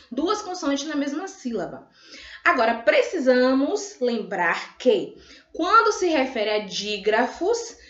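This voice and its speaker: A woman from Brazil, a primary school teacher, giving a grammar review lesson and slowly drawing out syllables to model them. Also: fairly high pitch, fairly bright tone. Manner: slow, drawn-out modelling of syllables, often says "ó" and "né". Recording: echoey room, dull lo-fi sound.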